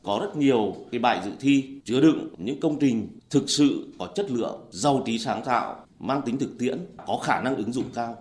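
A man's voice: medium pitch, moderate pace, hardly any pauses, a little mellow. A man giving a formal official statement with some hesitations. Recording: roomy interview audio.

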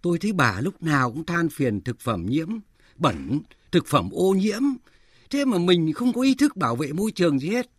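A man's voice: fairly high pitch, very animated, normal speed, husky, no echo. An actor playing an older husband in a radio drama who stammers and then lectures his wife. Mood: reproving. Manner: stammering, reproving. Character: lecturing older husband, calm but exasperated. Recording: music bed under the voice.

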